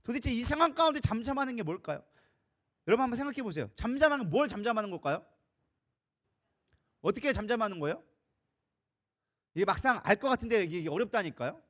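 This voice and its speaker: A middle-aged man preaching with quick, tumbling speech and a voice that sits high and swings widely. He asks the congregation questions and acts out the voices he quotes. The sound is a Sunday sermon in a church sanctuary. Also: big pitch swings, a bit bright. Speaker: co-senior pastor.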